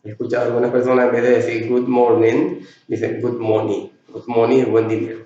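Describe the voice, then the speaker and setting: A man's voice: medium pitch, little pitch movement, fast talker, dark tone. A man teaching a class on basic greetings, explaining patiently, stretching out the key words and asking "ok?" to check that the students follow. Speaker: English teacher. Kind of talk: classroom lesson explaining English greetings in Spanish. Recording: echoey room, voice from a distance, dull sound.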